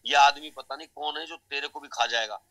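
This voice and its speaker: A man's voice: a little high, brisk, pushed and bright, low-quality recording. A man voicing a proud, easily scared male lion in a spoken folk tale, muttering to himself. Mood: wary.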